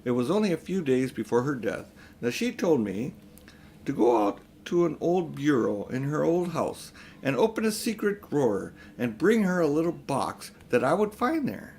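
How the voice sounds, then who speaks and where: Man acting elderly scheming uncle, storybook villain, self-important, grandiose, condescending, very animated intonation. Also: on the high side, normal speed, creaky, slight background noise. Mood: confiding. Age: older.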